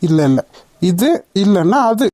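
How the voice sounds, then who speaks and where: A woman voicing a greedy, threatening older uncle in a cartoon, talking low and slow. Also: sing-song, warm tone, no room sound, clean studio sound. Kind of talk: cartoon dubbing.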